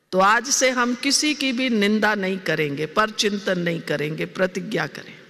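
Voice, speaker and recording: A woman's voice: on the high side, bright, forceful tone. A woman giving a spiritual discourse to a congregation. She asks the audience questions and then answers them herself. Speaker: spiritual teacher. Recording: hall with long reverb.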